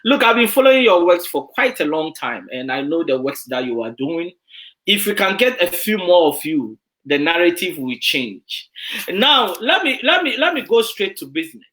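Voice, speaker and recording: A talk show host interviewing a guest, expressive and repeating words for emphasis. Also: mid-range voice, moderate pace. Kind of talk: online talk show hosting.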